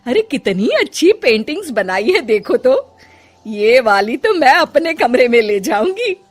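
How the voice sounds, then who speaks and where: A woman playing a fussy mother-in-law, lively voice. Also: high-pitched, measured pace, full character voice. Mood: proud. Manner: scolding, then warm and proud. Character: older mother-in-law, fussy then kind. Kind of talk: cartoon voice acting.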